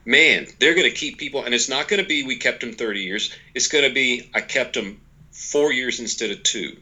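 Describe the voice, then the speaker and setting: A podcast guest in his forties, an author and organization leader, talks at a moderate pace in a mid-range, sharp-toned voice over poor audio. He explains his ideas conversationally and folksily, with emphatic repetition and quoted asides.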